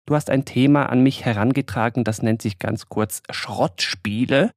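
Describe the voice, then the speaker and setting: A man hosting a casual podcast, talking in a relaxed, conversational way and guiding his guest with questions. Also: mid-range voice, normal speed, no room sound, studio quality. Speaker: podcast host.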